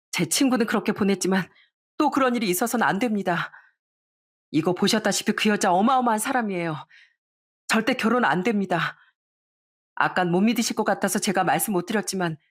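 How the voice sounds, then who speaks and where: A woman's voice: medium pitch, close to an everyday voice. A woman voicing a stern wedding shop employee who accuses and confronts someone in a storybook narration.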